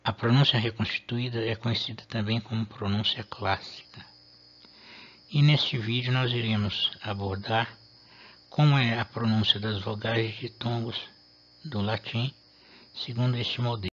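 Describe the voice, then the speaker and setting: A man, explaining a lesson in a measured way and pausing to rephrase himself. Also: medium pitch, fairly even intonation, fairly bright tone, lo-fi sound. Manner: measured, with restarts and fillers. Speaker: Latin teacher.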